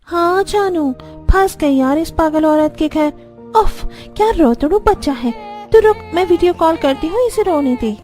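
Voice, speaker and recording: A woman's voice: very high-pitched, expressive, unhurried, mellow, soft background music. A woman doing a two-faced cartoon nanny. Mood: callous. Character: two-faced young nanny, sweet then callous.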